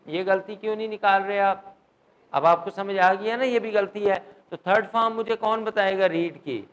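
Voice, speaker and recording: A middle-aged man gives a classroom grammar lecture in a high voice. He keeps asking his students questions and slips English grammar terms into his speech. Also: steady tone, fairly bright tone, rough recording. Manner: quizzes students, mixes English terms into Urdu. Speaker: English teacher.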